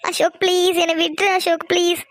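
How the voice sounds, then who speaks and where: A woman's voice: very high voice, flat delivery, fairly quick, no echo. A woman voicing a frightened young college girl in a cartoon drama, tearfully pleading to be left alone.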